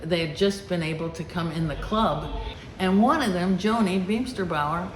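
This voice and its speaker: A woman's voice: on the low side, moderate pace, crowd noise. A woman from a swim club, speaking proudly and enthusiastically in a documentary interview. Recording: roomy with clear background noise.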